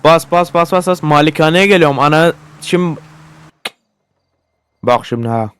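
A man narrates his gameplay in loose, casual commentary, swearing freely and flaring into excitable shouts at whatever happens on screen. His voice sits a little high and stays smooth and clean throughout. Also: normal speed. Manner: profane, excitable, often yelling at the game. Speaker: gaming YouTuber.

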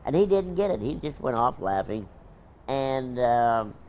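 A man's voice: medium pitch, very animated, a little slow, darkish tone, dull audio, a little hiss or hum. A man telling an anecdote as an interviewee.

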